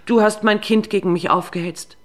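A woman voicing a drunken, weeping young mother who pleads and reproaches in a high, tearful voice. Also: expressive, moderate pace, lightly acted. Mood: reproachful.

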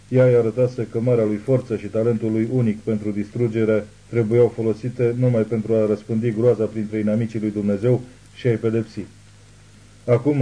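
A man narrating an audiobook thriller in a measured, ominous reading. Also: fairly low pitch, dark tone, slightly rough, low-quality recording. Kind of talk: scripted narration.

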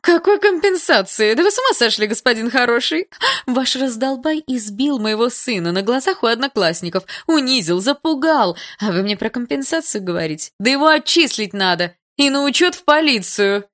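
A woman voicing a haughty, furious middle-aged mother who screams insults in a high, loud voice. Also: lively intonation, moderate pace. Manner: screeching, contemptuous, insulting.

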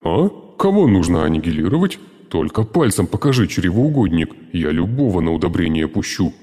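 A shouting, foul-mouthed vegetable servant, a living cucumber bursting with crude excitement, as a man puts him on for an audiobook. The voice sits low and husky and leaps all over its range. A long reverb trails behind it. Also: a little fast, heavily acted. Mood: rowdy. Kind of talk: audiobook character voice.

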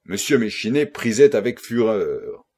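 A man reads a first-person novel aloud with expressive, dramatic delivery. His voice is a little husky, and his pitch swings widely to carry the tension of the scene. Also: a little slow. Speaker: audiobook reader.

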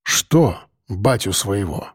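A man doing a calm, fatherly priest. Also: mid-range voice, no echo, clean studio sound. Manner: slow, gentle, instructive. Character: middle-aged priest, calm, patient, fatherly.

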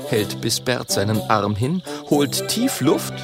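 A man narrating a children's audiobook in an expressive, animated way. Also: medium pitch, takes it slowly, over music.

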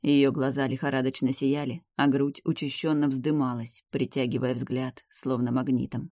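A reader narrating a fantasy audiobook in the first person, slow and measured, at a middle pitch. The recording is dry and close, with no room sound. Each sentence is laid out evenly. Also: little pitch movement, darkish tone, no room sound.

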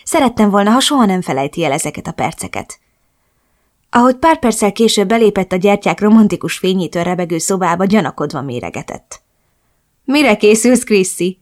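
A woman reading a romance novel aloud as a first-person narrator, in a soft, intimate way. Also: mid-range voice, expressive. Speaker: audiobook narrator.

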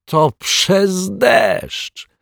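A man doing a gleeful high-voiced detective. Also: big pitch swings, drawn-out words, gravelly, fairly bright tone, no echo, studio quality, heavily acted. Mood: elated. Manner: gleeful, high-pitched exclamations. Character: thin cheerful excitable male detective. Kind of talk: audiobook character voice.

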